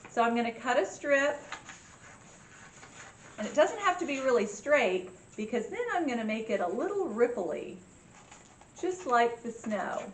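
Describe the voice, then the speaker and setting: A woman with a fairly high voice talks in an echoey room. She guides children through a craft in simple steps, like a cheery kids' host. Faint noise sits behind her. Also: big pitch swings, unhurried, pauses often. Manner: simple, instructional talk addressed to children. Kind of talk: step-by-step craft tutorial for children. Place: indoor room with echo.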